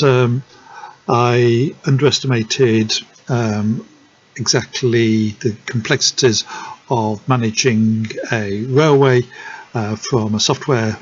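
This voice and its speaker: A man talking through a software tutorial in a hesitant, friendly way, with many ums and restarts. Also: mid-range voice, husky. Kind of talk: unscripted screen-recording tutorial. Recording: dull lo-fi sound with faint noise.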